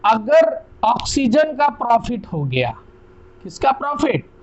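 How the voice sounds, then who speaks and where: High-voiced Indian man teaching chemistry. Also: huge pitch swings, slow pace, dull audio. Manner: chatty, repeats key terms, asks "clear?". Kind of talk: casual classroom lecture.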